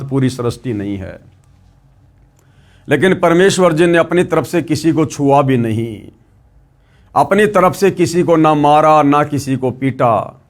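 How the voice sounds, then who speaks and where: A man narrates a devotional story and breaks off to preach. He talks earnestly to his brothers and sisters. His voice sits slightly high for a man. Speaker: religious storyteller.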